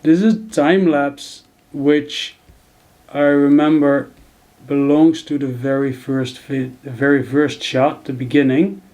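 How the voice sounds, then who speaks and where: A man's voice: a little high, steady tone, slow, a little mellow. A man in his thirties talking through a video edit, thinking aloud with many fillers and restarts. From Netherlands. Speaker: video editing tutor. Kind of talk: screen-recorded tutorial narration.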